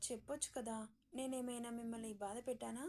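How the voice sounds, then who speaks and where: A woman's voice: fairly high pitch, little pitch movement, fast, lightly acted. A woman voicing a timid, anxious young bride who speaks meekly and hesitantly. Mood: soft pleading. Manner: meek, hesitant, soft-spoken.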